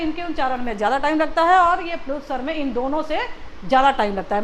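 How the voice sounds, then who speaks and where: A woman's voice: high voice, slight background noise. A woman teacher giving a Hindi lesson to young children, patiently asking and repeating questions. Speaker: school teacher.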